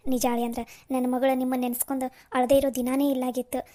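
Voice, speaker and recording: Woman doing a humble cartoon mother-in-law, effusive, high-pitched, mellow tone. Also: little pitch movement, quick pace, close to an everyday voice. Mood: grateful. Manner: effusive, self-reproaching.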